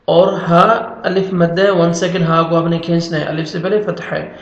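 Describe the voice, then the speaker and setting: A man with a fairly high voice teaches Quran recitation, spelling out each letter and vowel before chanting the verse slowly and melodically. Quick explanations come between the chanted lines. The recording is lo-fi and dull, with a roomy echo. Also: level tone. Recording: echoey, dull lo-fi room sound.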